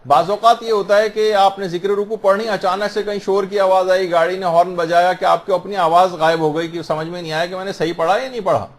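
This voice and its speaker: Man explaining prayer rules, slightly high voice. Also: fairly even intonation. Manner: explanatory, repeats phrases, slows to model pronunciation. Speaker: religious teacher. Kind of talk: instructional talk on prayer rules.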